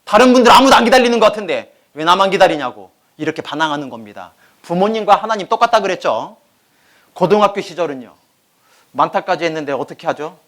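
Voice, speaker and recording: A man in his forties preaching a sermon, telling stories with lively acted-out family voices. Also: sits high, fast. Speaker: pastor.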